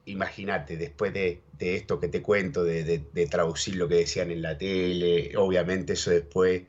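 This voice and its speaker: At a moderate pace, an Argentine-accented interview guest with a deep, slightly mellow voice and fairly even intonation spins rambling stories in a casual chat. Bilingual in Spanish and English, he repeats words and keeps asking "¿viste?", and the recording is dull lo-fi.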